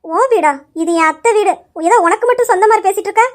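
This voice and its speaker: Brief: woman as bratty young woman guest, very high, quick, jeering. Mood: taunting. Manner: taunting, scornful. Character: rude spoiled young woman guest, sharp-tongued. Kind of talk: amateur Tamil story drama.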